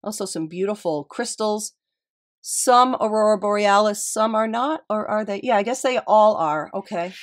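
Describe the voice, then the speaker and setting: A woman's voice: mid-range voice, normal speed. A middle-aged woman with a slightly stuffy, nasal voice, hosting a casual show-and-tell in a chatty, appreciative way and musing aloud.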